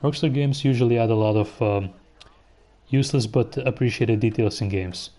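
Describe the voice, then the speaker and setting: A man's voice: medium pitch, moderate pace. A man streaming a video game live, chatting casually and thinking aloud as he plays and answers viewers. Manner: relaxed, musing aloud while playing, answering chat. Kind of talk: casual gameplay commentary.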